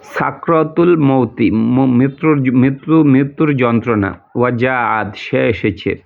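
A man's voice: medium pitch, gravelly. Man teaching word by word, tinny sound. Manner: repeats each word and its meaning slowly, step by step. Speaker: Quran translation teacher. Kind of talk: word-by-word translation lesson. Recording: tinny phone-like audio.

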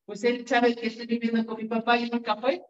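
A woman's voice: on the high side, completely flat delivery, brisk. Chatty Mexican woman giving a workshop lecture. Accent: Mexican Spanish. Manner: chatty, tags questions with "¿no?", digresses into stories. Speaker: workshop instructor and lawyer. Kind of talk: informal lecture with anecdotes. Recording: dull lo-fi recording.

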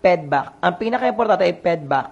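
Review coach w a gravelly voice, drills answers over and over, keeps asking if it's clear. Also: mid-range voice, animated, moderate pace, a little mellow, highs cut off. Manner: quizzing, repeats answers, asks "Maliwanag ba?". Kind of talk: exam review lesson.

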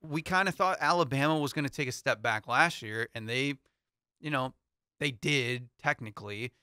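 A young man with a bright, crisp voice chats easily about football, hedging with little fillers as he thinks. He is recorded dry on a close mic. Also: medium pitch, normal speed, dry recording. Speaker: co-host. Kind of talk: casual sports chat.

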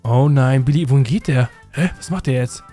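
A man hosting a Minecraft role-play let's play, talking excitedly and constantly to his viewers. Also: mid-range voice, fairly quick, faint music behind. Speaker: host.

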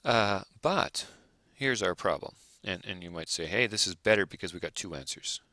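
A male math teacher working through examples aloud, thinking out loud and checking in with rhetorical questions. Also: sits low, lively intonation, moderate pace, no echo. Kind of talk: recorded lecture over worked examples.

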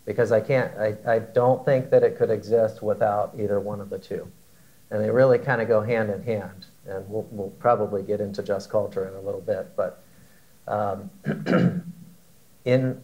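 A man in his forties answers a question on a panel in a large conference hall. His voice sits low, and he talks in a measured, hesitant way, repeating words and filling pauses with "um.". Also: a little mellow. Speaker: panelist, aviation operator.

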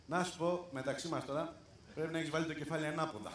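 A man's voice: on the high side, steady tone. A male comedian hosting a live stage show, calling up audience volunteers and teasing them playfully, often laughing. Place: large theater stage with audience. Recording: echoey live theater with crowd noise.

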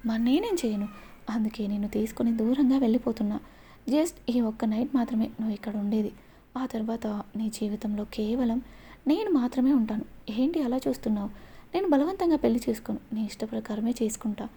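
A woman's voice: a little high, brisk, mellow, slightly rough. A woman voicing an obsessive, scheming young man who gloats over his plan. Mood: menacing. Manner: menacing, gloating.

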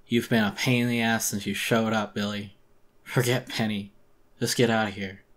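Beat-up old raccoon, man doing him, quiet, resigned, kinda muffled, hurting bad, creepy audiobook. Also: lowish voice, flat delivery, normal speed, close to an everyday voice. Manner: tired, resigned, muffled without a tongue. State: in pain, breathing heavily. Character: weary, wounded old raccoon jailer.

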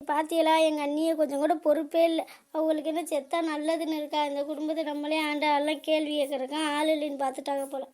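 A woman's voice: high-pitched, little pitch movement, quick pace, darkish tone, natural voice. A woman voicing an adult daughter in a cartoon comedy, wailing and accusing her relatives.

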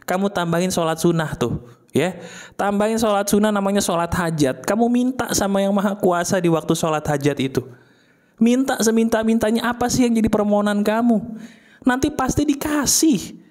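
A man's voice: high-pitched, a little mellow. A man giving a casual motivational talk straight to the viewer, repeating his key points and asking the listener questions. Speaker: motivational speaker.

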